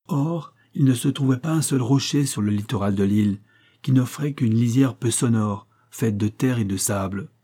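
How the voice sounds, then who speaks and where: Scripted audiobook narration of an adventure novel comes from a man whose pitch is fairly low and whose voice is husky, mellow, warm and relaxed. His delivery is measured and dramatic.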